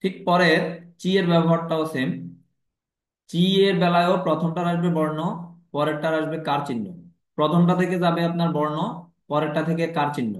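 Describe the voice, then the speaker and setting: A man's voice: fairly high pitch, fairly even intonation, fairly quick, reverberant. A man teaching a language lesson, patiently explaining and repeating each step.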